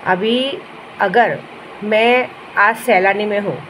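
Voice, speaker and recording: A woman's voice: medium pitch, slow, a bit bright, slight background noise, poor audio. A woman talking straight to camera in a casual vlog from a hotel room, insistent and repeating her appeals and denials. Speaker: self-styled aghori tantric vlogger.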